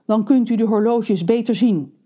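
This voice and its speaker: A composed butler-turned-agent, polite and unhurried in manner, as a woman reading a storybook puts him on. He speaks a little higher than an everyday man, clear and even. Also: close to an everyday voice. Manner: calm, polite, matter-of-fact. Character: calm male butler, secretly an undercover agent.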